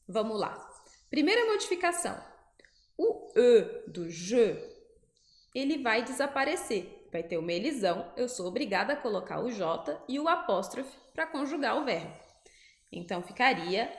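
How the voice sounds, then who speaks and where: A Brazilian Portuguese-speaking woman teaching French pronunciation, slowing down to spell out syllables. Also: fairly high pitch, echoey room. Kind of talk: pronunciation lesson.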